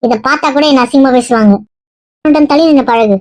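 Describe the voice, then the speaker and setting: A woman with a high voice scolds in a homemade family drama skit. Her delivery turns shrill in anger. The sound is dry and close. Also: fast, a little mellow, no room sound. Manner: scolding, shrill when angry. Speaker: vlogger acting family skits.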